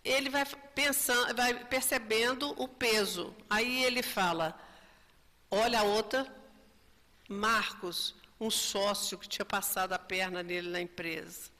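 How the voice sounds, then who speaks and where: A woman's voice: medium pitch, fairly even intonation, unhurried, bright, forceful tone. A woman giving a spiritist lecture, telling a story and often adding tag questions. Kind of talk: religious lecture. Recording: reverberant lecture hall.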